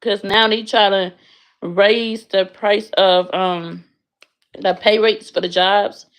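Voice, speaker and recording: Chatting with viewers from her bedroom, this young livestreamer from the United States is frank and blunt and curses without restraint. She speaks slowly at medium pitch with fairly even intonation.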